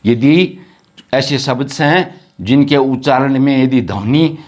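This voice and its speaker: A man's voice: mid-range voice, takes it slowly, a little mellow. A man teaching a grammar lesson, repeating words and sounds one by one.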